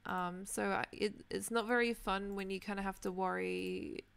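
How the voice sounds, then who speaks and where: A young Australian woman in her twenties talks casually with her viewers as she plays, rambling from topic to topic. Her voice has a gravelly fry at the ends of phrases, yet stays smooth and clear. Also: medium pitch, steady tone, moderate pace, fairly bright tone. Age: 20s. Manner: chatty, rambling, answers viewers' comments. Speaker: Minecraft streamer. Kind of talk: casual chat while gaming.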